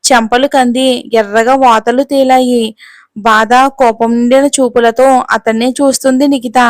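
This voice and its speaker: Female storyteller, steady scripted read, fairly high, very even, dry close mic. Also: no echo. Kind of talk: scripted narration.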